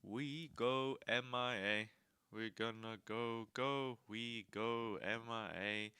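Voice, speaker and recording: A man imitating a flat, robotic caster voice, speaking in slow, clipped, monotone words. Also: medium pitch, clear, resonant tone, no echo, clean studio sound. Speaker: streamer co-watching a match.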